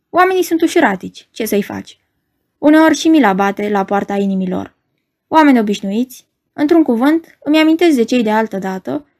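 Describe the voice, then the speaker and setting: A masked male magician muses on people in a calm, meditative tone, as a woman reader puts him on. He sounds aloof and world-weary, the voice slightly high. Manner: meditative, unhurried.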